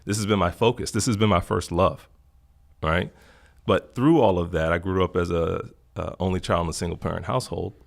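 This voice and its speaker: A middle-aged Florida man, a podcast guest, speaks briskly in a low, gravelly voice with vocal fry. In this relaxed, casual interview he sounds earnest and reflective, repeating phrases for emphasis.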